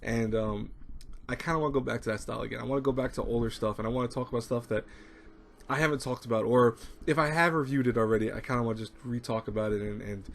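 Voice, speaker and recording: Fast-talking man rambling to his webcam. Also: medium pitch, steady tone, creaky, a little hiss or hum. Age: 30s. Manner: rambling, repeats words, frequent fillers. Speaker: anime review channel host. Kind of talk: casual talk to camera. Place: small home room with shelves, indoors. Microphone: webcam at desk. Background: people talking nearby.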